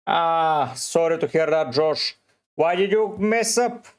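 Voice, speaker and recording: A man from Bulgaria with a Bulgarian accent, live streaming and slowly answering viewers' questions one by one. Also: on the high side, expressive. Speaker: fantasy football streamer. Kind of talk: live stream chat, reading comments.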